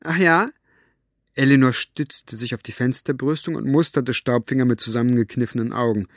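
A man narrating a story in a measured, storytelling manner, close to the mic. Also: medium pitch, steady tone, a little mellow, no room sound. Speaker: audiobook reader. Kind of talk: scripted narration.

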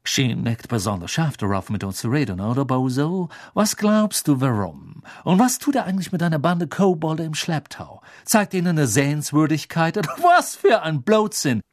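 A man's voice: mid-range voice, sing-song, normal speed, slightly rough, no echo, clean studio sound. A man voicing a gushing, spiteful woman reporter in an audiobook, smug and falsely sweet. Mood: gloating.

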